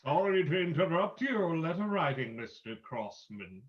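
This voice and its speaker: A man's voice: a little high, sing-song, normal speed, crowd noise. A man playing a commanding, unseen crime-fighting sleuth in an old-time radio drama reading, formal and theatrical. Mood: stern, menacing. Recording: dull lo-fi audio.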